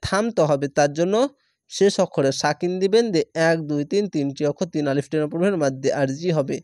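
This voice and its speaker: A man leads a Quran reading lesson, spelling each syllable slowly before joining the words into drawn-out recitation. His voice sits somewhat high but sounds mellow and dark. The recording is dry and close, with no room sound. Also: no echo.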